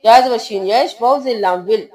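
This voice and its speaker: A woman's voice: fairly high pitch, normal speed, darkish tone. A woman teaching Quran recitation, spelling out letters and vowel marks one by one and then chanting the words.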